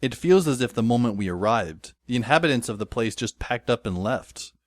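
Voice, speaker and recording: A man voices a wry, weary teenage schoolboy, narrating a first-person scripted audio drama in a dry, sardonic tone. His mid-range delivery is animated, brisk and lightly acted. The recording is dry, with music running under the voice.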